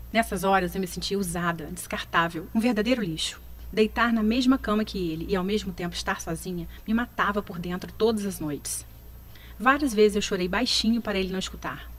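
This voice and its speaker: A woman in her thirties narrates a scripted first-person story. Her telling is slow and sorrowful, like a confession. Her voice sits at an ordinary middle pitch. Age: 30s.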